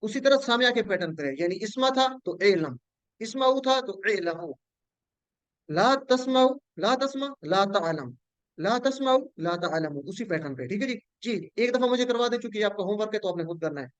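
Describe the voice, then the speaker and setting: A man's voice: high voice, animated, normal speed, no echo, dull audio. A man teaching an online class, patiently drilling word patterns with his students.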